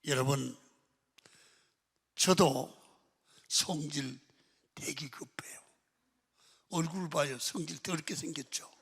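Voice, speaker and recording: An older male pastor preaching a sermon, telling stories with sudden swings from loud to hushed. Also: on the high side, slow, gravelly, long pauses, breathy edge. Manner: animated storytelling, swings between loud and hushed. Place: large prayer-retreat sanctuary. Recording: reverberant church hall.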